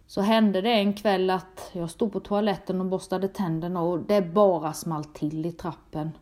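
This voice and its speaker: A middle-aged woman from Sweden telling a painful personal story in a halting, emotional way, often repeating her words. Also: fairly low pitch, dark tone. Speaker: storyteller recounting a personal experience. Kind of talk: personal testimony.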